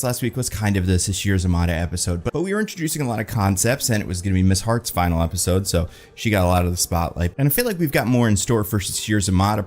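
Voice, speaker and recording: A man giving a casual, chatty review of a TV episode, animated and full of "like" fillers. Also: on the low side.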